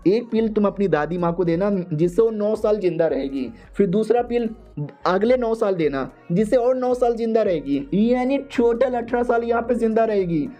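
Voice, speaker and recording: A man's voice: sits high, expressive, moderate pace, warm tone, soft background music. A man voicing a sly male fortune teller who coos in sing-song baby talk. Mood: wheedling. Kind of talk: comic manhua recap voice.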